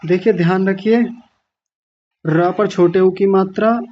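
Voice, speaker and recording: A man teaching children pronunciation in a classroom, patient and gentle, repeating sounds slowly. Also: sits high, steady tone. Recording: dull lo-fi classroom recording.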